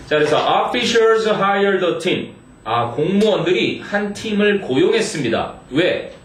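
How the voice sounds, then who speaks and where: A man teaching English to high school students, reading English phrases slowly and checking in with the class. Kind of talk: exam-prep lecture. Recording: echoey room, mic far off, faint noise.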